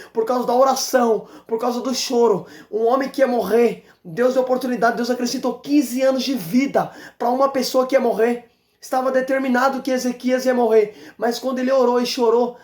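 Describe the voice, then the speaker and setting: A man's voice: extremely high pitch, steady tone, fairly quick, darkish tone. Fervent evangelist man in echoey room. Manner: fervent and exhorting, repeats phrases, exclaims praise. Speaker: evangelist preacher. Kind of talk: fervent sermon. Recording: roomy echo.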